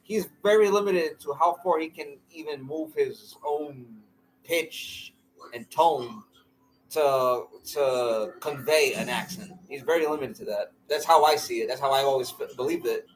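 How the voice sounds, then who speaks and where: A man's voice: a little high, measured pace, a little hiss or hum, rough recording. A man co-hosting a casual chat podcast, talking in earnest, rambling runs and steering the topics. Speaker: podcast co-host.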